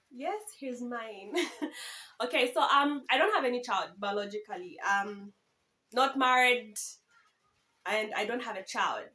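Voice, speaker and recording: A young woman in her twenties from Zambia talks casually to her viewers in a Q and A vlog. Her voice sits high, and her talk is playful and full of giggles. It sounds recorded on a camera phone. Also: sharp tone, poor audio. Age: 20s. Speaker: YouTuber.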